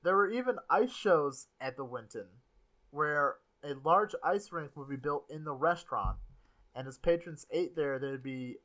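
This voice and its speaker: A podcast host in casual comedic chat, talking fast, swearing freely and jumping into silly voices. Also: mid-range voice, lively intonation, fairly bright tone.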